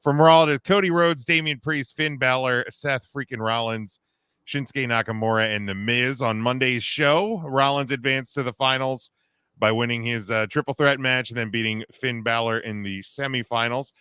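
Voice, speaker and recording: Bright, crisp-voiced man in his thirties. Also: mid-range voice, steady tone, normal speed, no echo, clean studio sound. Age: 30s. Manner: loose, joking, reads news with fillers. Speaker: podcast host. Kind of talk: casual podcast chat and news rundown.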